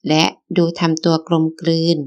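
A woman narrating a romance novel as an audiobook in a calm, even reading. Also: moderate pace.

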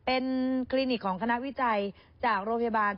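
A woman co-hosts a news show and talks to viewers in a quick, chatty way. Her voice sits fairly high and moves fast. The sound is somewhat dull and lo-fi. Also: steady tone. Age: adult with a child. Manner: chatty, addresses viewers directly. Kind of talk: casual news chat.

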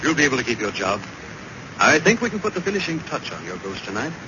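Guy doing sure-of-himself gentleman sleuth, animated, super noisy 40s radio play. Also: medium pitch, quick pace, close to an everyday voice. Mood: confident, reassuring. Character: confident, take-charge gentleman detective, reassuring. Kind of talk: 1940s radio acting. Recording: very noisy 1940s radio recording.

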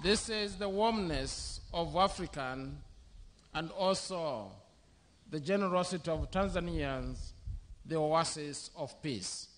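Slow-speaking bishop at a podium. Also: male voice, fairly high pitch, fairly bright tone. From Zambia. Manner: slow, measured delivery in short phrases. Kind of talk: sermon. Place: outdoor covered church venue. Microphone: podium microphone.

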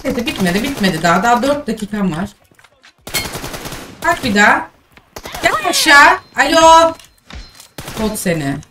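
A woman's voice: medium pitch, animated, brisk, long pauses. A young woman streaming a mobile shooter, commenting live in exasperated, scolding remarks. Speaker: game streamer. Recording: distant mic with game noise.

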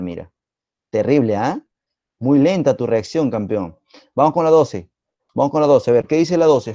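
A man with a Peruvian Spanish accent teaching a live online biology exam-prep class, quizzing students in a playful, teasing way and repeating words rapidly. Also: medium pitch, dark tone, no echo, highs cut off.

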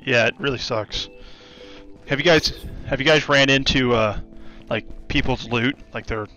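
Man, bright tone, casual gaming chat, laid-back, swears freely, headset mic. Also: mid-range voice, measured pace, soft background music, low-quality recording. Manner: relaxed, swears casually, calls out in-game. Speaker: streamer playing with friends.

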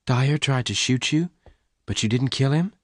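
An anxious woman rancher of the Old West, voiced by a male reader, pitched up from his own voice. She is earnest, emotional and pleading, in a dry storybook recording. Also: unhurried, no echo, close to an everyday voice. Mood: shaken. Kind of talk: audiobook character dialogue.

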